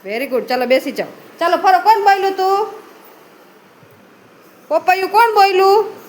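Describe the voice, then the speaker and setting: In a room full of kids, a woman teacher with a very high-pitched voice leads young children in a guessing game, issuing brisk, repeated commands and quick praise.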